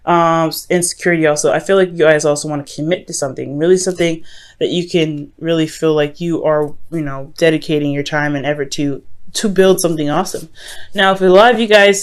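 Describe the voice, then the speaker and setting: A woman's voice: on the low side, a little mellow. A woman giving a mystical tarot horoscope reading in a casual, conversational way, advising listeners directly and often circling back to rephrase herself. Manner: hesitant, often repeats and rephrases phrases. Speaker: tarot reader.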